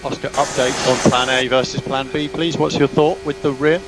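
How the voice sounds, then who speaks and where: A man speaks as a racing engineer over team radio, his messages short and clipped, often said twice. His mid-pitched voice sits in clear car noise, with engine roar behind it. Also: fairly even intonation, normal speed. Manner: terse, repeats instructions. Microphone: radio headset.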